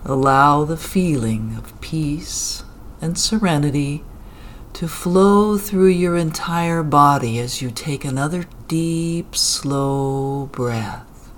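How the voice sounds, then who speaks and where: A meditation guide leading a guided relaxation with calm, gentle phrasing and long pauses between lines. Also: mid-range voice. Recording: clear ambient background noise.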